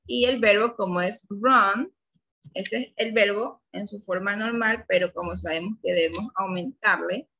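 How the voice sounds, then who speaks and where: A woman with an Ecuadorian Spanish accent teaching an English grammar class, speaking slowly and patiently and stretching out her example sentences. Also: medium pitch, bright, forceful tone, husky, highs cut off.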